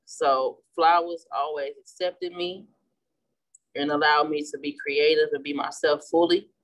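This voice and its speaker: Poor audio captures a chatty Midwestern woman from St. Louis, Missouri, teaching a craft as a florist and class instructor. Speaking in a deep voice at a slightly slow pace, she gives a casual painting demonstration at an indoor flower shop worktable, relaxed and often restarting.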